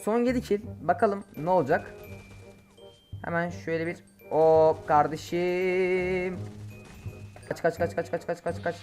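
A man giving live gameplay commentary as a mobile game streamer, excitable and quick to curse and shout at his teammates. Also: high-pitched, faint music behind. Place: home, playing on an emulator.

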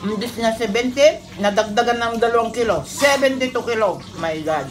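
A woman's voice: a little high, normal speed. A woman chatting casually to her viewers while chewing a mouthful of food. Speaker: mukbang vlogger. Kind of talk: casual chat while eating.

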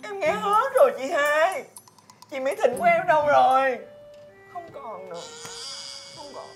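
A naive, emotional younger sister from the countryside. Her voice sits high, and she is whiny and melodramatic. Soft music plays behind her in this sitcom scene. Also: lively intonation, measured pace. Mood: dramatic. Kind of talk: sitcom acting.

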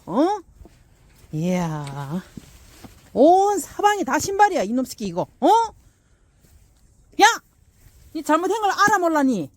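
Lady fussing at her dogs, chuckling a lot, slow, high-pitched. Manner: playfully scolding, chuckling often. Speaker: dog owner filming her pets. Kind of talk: casual talk to dogs.

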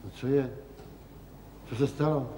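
An actor playing an indignant, worn-out middle-aged husband home from the factory, protesting in exasperation, in a 1970s TV drama. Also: male voice, medium pitch, dark tone, natural voice. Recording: echoey 1970s TV film sound, faint hiss.

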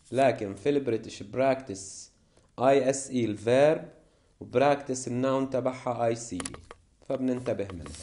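A male English teacher with a Levantine Arabic accent, explaining vocabulary in a classroom lesson and reading word lists slowly and deliberately. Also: mid-range voice, warm tone.

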